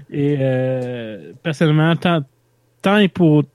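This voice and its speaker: A man with a Québécois accent chats loosely on a podcast, his voice sitting fairly high for a man. The recording is dry and close, with no room around it. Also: clear, resonant tone, no room sound. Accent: Québécois French. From Quebec. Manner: loose, chatty, laughs easily. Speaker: podcast co-host. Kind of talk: casual podcast chat.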